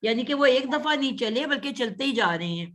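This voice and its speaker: A woman's voice: high voice, expressive, fairly bright tone. A woman teaching Arabic grammar in an online class, patiently correcting a student's pronunciation. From Pakistan. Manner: patient, corrective, repeats sounds slowly.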